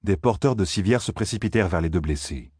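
A man narrating a fantasy audiobook in a steady, measured storytelling voice. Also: low-pitched, slightly rough, no room sound, studio quality.

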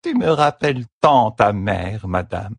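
A man reading a story, voicing an attentive, deferential lady's maid who speaks quietly and respectfully. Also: fairly low pitch, expressive, unhurried, vocal fry, no room sound, heavily acted.

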